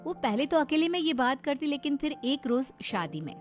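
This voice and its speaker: A woman narrating a story in an expressive, dramatic storytelling manner. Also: sits high, moderate pace, soft background music.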